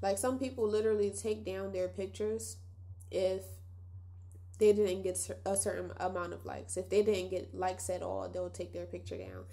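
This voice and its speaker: Speaking straight to her audience, a young podcast host chats reflectively on her casual solo show. Her nasal, mid-range voice is gravelly and dark in tone, moving at normal speed.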